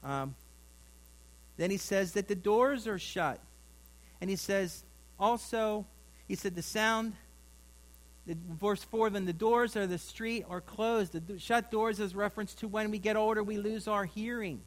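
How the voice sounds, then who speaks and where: A man's voice: sits high, unhurried, poor audio. A middle-aged man preaching a sermon in a folksy, rambling way, with asides to his congregation. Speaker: pastor.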